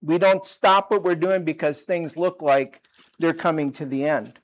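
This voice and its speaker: Older guy preaching, chatty and easygoing, wanders into little asides. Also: fairly high pitch. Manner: conversational, unhurried, with asides and restarts. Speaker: pastor. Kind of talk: sermon.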